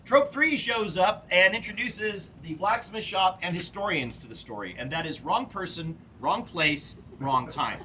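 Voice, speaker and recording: A man working as a tour guide and historian, telling animated stories with playful asides outdoors on a film set. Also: high voice, measured pace, hardly any pauses, distant mic, slight background noise, low-quality recording. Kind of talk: guided tour talk to a small group.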